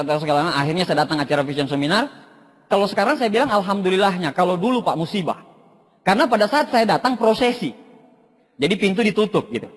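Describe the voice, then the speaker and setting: A man giving a humorous motivational talk, telling stories and addressing listeners as "Pak" again and again. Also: sits high. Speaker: motivational speaker. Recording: long hall reverb.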